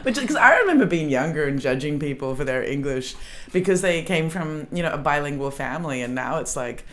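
A woman's voice: low-pitched, expressive, fairly quick, fairly bright tone. A woman, a comedian hosting a casual chat, who laughs often and trails off mid-sentence. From Australia. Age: 30s. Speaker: comedian and podcast host.

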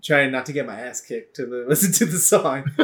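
A man's voice: mid-range voice, animated, normal speed, fairly bright tone. A man co-hosting a casual podcast, laughing often and swearing freely as he talks. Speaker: podcast co-host. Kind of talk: casual chat.

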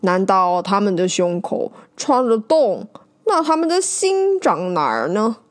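A woman voices a curious young scholar in a storybook tale. He asks wondering, hesitant questions at a slow pace. His voice rises and falls in a lively way. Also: mid-range voice, pitched below the performer's own voice. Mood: puzzled.

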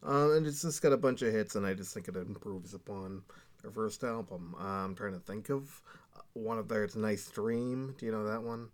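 A man co-hosting a podcast, chatting and telling stories in a relaxed, rambling way. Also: lowish voice, normal speed. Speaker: podcast co-host. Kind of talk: casual chat.

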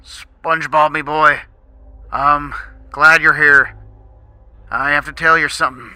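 A man voicing Mr. Krabs, a gruff older male crab who talks like an old sailor and stammers in sorrow. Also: fairly high pitch, steady tone, slow, bright, forceful tone, no echo, soft background music, pitched above the performer's own voice, exaggerated voice. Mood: troubled. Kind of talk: fan creepypasta reading.

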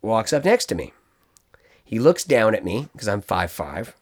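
Rambling, animated male storyteller. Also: fairly low pitch, moderate pace. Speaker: podcast storyteller. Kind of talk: casual chat.

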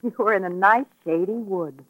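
A woman's voice: mid-range voice, normal speed, no room sound, narrow, tinny audio, natural voice. An actress playing a spirited young society woman in a 1940s radio drama, refined and inquisitive. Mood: teasing. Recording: dry vintage radio recording.

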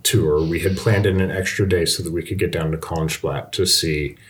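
A man's voice: sits low, steady tone, normal speed. A man hosting a podcast, telling a travel story in a casual, chatty way with detours. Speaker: podcast host.

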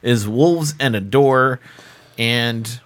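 A man's voice: medium pitch, drawn-out words, no room sound. A man chatting casually as a podcast host.

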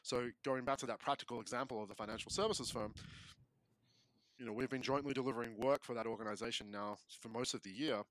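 An Australian man talking as a podcast guest in casual chat, quick and often restarting phrases as he explains. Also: medium pitch, steady tone, a bit bright, a little hiss or hum, poor audio.

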